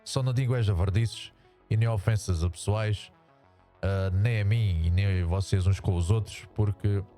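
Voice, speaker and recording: Man through a deep voice changer. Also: mellow. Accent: European Portuguese. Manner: rambling, many restarts and repetitions. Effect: voice changer, pitched down. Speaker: YouTuber reacting to a sports show. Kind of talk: casual commentary to viewers.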